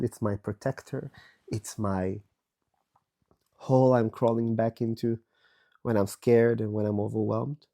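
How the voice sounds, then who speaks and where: Recording from his bed, this man in his 30s, born in Israel, hosts a podcast while hoarse and raspy with a virus. His timbre is low and warm, and he reflects on personal matters in an unhurried, candid way, pausing often.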